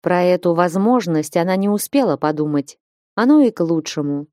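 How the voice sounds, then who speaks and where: A woman narrating a fantasy novel as an audiobook in steady storytelling. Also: on the low side, normal speed, no room sound, studio quality.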